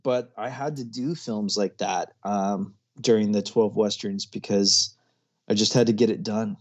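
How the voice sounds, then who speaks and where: A man in his thirties speaks in a lowish voice with fairly even intonation and an unhurried pace. He's a filmmaker who grew up overseas with American parents, appearing as a guest in a casual interview, chatty and often laughing as he talks.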